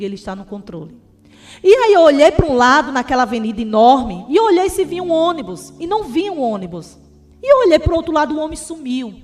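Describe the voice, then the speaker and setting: A woman evangelist giving a fervent testimony sermon in Brazilian Portuguese, often calling her listeners beloved. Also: sits high.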